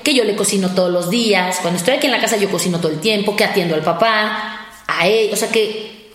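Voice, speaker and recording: Guest spot: animated Mexican mom in casual chat, quick to act out her kids' voices, recorded in an echoey room. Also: medium pitch. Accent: Mexican Spanish. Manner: animated, acts out her children's voices in quotes. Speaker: guest, mother of two.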